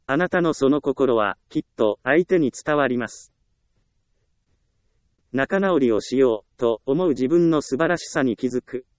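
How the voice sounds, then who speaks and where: A man reads scripted self-help narration with a smooth, clear and resonant voice at a middle pitch. The sound is close and dry. His delivery stays steady, gentle and reassuring. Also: measured pace, dry recording.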